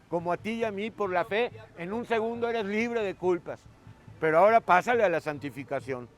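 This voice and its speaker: A man preaching a sermon with fervor, often turning to address his listener as brother. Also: sits high.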